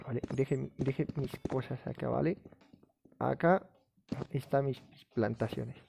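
A man streaming a game live, talking casually, rambling excitably and swearing often. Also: medium pitch, measured pace, vocal fry, music in the background.

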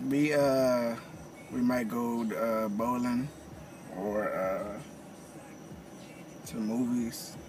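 A man's voice: mid-range voice, extremely slow, long pauses, background noise. A young man chatting casually to his camera in a car, with laid-back, mumbled asides. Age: young adult. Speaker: vlogger. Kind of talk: casual vlog chat. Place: inside a car, then a bowling alley. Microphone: handheld camera close up.

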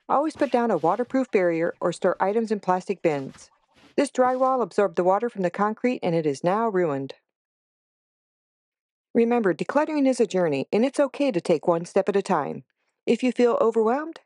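A woman in her thirties narrating a home decluttering vlog in a calm, steady voice-over. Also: medium pitch, a little fast, no echo, clean studio sound. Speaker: home organizing vlogger.

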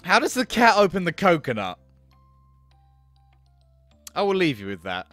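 A man's voice: sits high, wildly swooping pitch, normal speed, fairly bright tone, no room sound, faint music behind. Sarcastic gamer guy reading a game. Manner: sarcastic, swears casually. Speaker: gaming channel host. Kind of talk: playing and reading a visual novel aloud.

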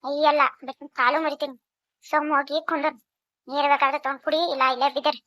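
A woman voicing a defiant, sharp-tongued middle-aged village wife in a cartoon, with a North Karnataka Kannada accent. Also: high voice, flat delivery, fast talker, dry recording. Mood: scolding. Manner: defiant, scolding. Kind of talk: cartoon voice acting. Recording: dull lo-fi recording.

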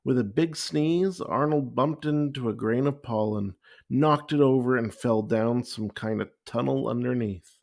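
A man reading a children's picture book aloud in a gentle, measured narration. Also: medium pitch, gravelly. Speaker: storyteller.

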